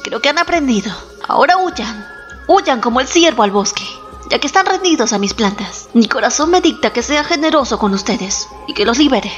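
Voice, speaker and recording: A woman voicing a stern, commanding male Inca emperor in a solemn, authoritative tone, with soft music behind. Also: a little high, lively intonation, normal speed, close to an everyday voice. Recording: slightly dull, soft background music.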